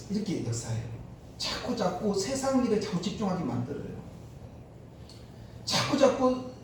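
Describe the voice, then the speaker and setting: A male pastor preaching a sermon, an animated storyteller who acts out the speech of the people in his stories. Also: sits high. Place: church sanctuary. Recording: echoey church hall, distant mic, faint noise.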